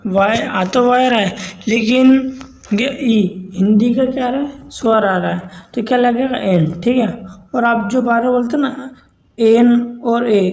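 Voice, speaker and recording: A man's voice: extremely high pitch, darkish tone, low-quality recording. A man teaching a grammar lesson, who poses questions and answers them himself and keeps checking in with his listeners.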